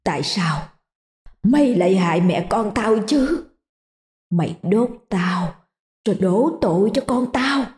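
A woman's voice: medium pitch, lively intonation, unhurried, pauses often, darkish tone, reverberant, big-room sound, close to an everyday voice. A woman voicing a burned, starving female ghost who speaks in a faint, wheezing whisper. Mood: vengeful.

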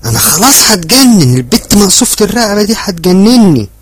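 A man's voice: high-pitched, big pitch swings, fast, pitched above the performer's own voice. A man voicing a fat, furious middle-aged woman who scolds and shrieks in an Egyptian accent, in an audiobook. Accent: Egyptian Arabic. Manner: shrieking, nagging. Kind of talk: audiobook character voice.

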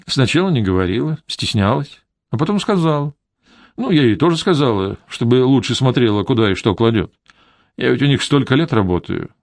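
A man's voice: mid-range voice, animated, fairly quick, no room sound, studio quality, close to an everyday voice. A man reading an audiobook, voicing a stubborn, secretive older woman housekeeper who grumbles and refuses curtly. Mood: plaintive, defensive.

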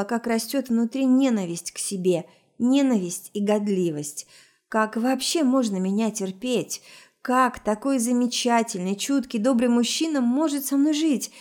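A woman reading a story aloud in first person, steady and even. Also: on the high side. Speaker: narrator.

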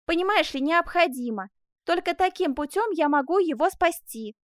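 A woman voicing an excitable young man who exclaims in agitation, in a storybook reading. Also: high voice, normal speed, no echo, studio quality, voice pushed up. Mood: pleading.

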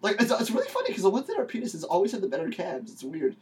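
Giggly young podcast host, high and bouncy. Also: male voice, huge pitch swings, rapid-fire, darkish tone, distant mic. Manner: giggly and playful. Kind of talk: casual banter.

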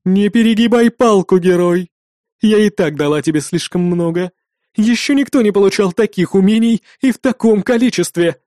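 A man voicing a commanding, mocking female demoness in an audiobook, drawling slowly and imperiously. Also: sits high, animated, dark tone, no echo, studio quality, pitched above the performer's own voice. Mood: angry. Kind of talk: audiobook narration.

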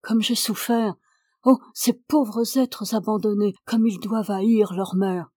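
A woman's voice: medium pitch, steady tone, slow, dark tone, no room sound, studio quality. Woman doing an anguished old mother. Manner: pleading, anguished, rising outbursts. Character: grieving elderly mother, remorseful and desperate.

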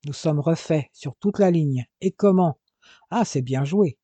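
A man's voice: on the high side, unhurried, dark tone, no echo. A man voicing a seething, scheming adventurer. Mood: urgent. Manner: urgent, growling.

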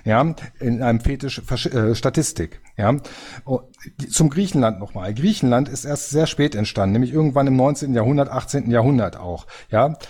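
A man's voice: medium pitch, brisk, mellow, slightly rough. A man in a panel discussion, speaking up from the audience with an earnest, lecturing manner and frequent restarts. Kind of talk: spontaneous debate statement.

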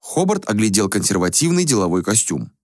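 A man's voice: lowish voice, big pitch swings, brisk, darkish tone, no room sound, studio quality. A man reading a fantasy story aloud as an audiobook narrator. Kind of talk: scripted narration.

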